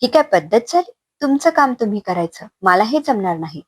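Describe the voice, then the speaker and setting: A woman voicing a frightened young wife who pleads and pushes back, with a husky, raised voice. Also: mid-range voice, very animated, brisk, darkish tone. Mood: defiant.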